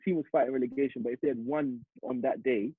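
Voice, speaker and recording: A young man from East London with a London accent, a football striker telling a lively story in a casual interview. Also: medium pitch, fast talker, breathy edge, dry recording. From East London, England. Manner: animated, vivid retelling with acted-out quotes. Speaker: interview guest, semi-pro striker. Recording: muffled phone-like audio.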